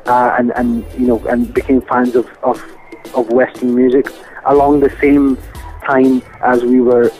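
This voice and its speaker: A man's voice: medium pitch, completely flat delivery, measured pace, mellow, soft background music, poor audio. A man with a Scottish accent giving a casual interview as a musician guest over the phone, speaking in a hesitant, thoughtful way. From Scotland. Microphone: phone line.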